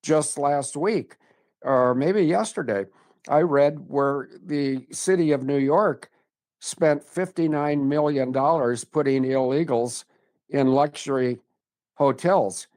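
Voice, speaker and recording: A man's voice: fairly high pitch, slow, darkish tone. Blunt, rambling man in his seventies. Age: 70s. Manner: blunt, rambling, tangent-prone. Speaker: regular commentator. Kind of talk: casual chat.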